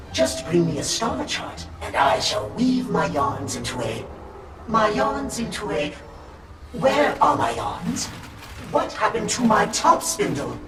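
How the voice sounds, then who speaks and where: A voice actor playing a broken ship navigation computer that boots up and delivers a cheerful sales demo before glitching and repeating itself. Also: mid-range voice. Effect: robot computer voice. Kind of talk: video game voice acting. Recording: roomy distant game audio with music.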